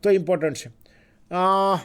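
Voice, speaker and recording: High-voiced man giving an unhurried health talk. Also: smooth. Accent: Gujarati. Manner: unhurried, repetitive, with frequent pauses and fillers. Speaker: health lecturer. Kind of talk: health talk mixing Gujarati and English.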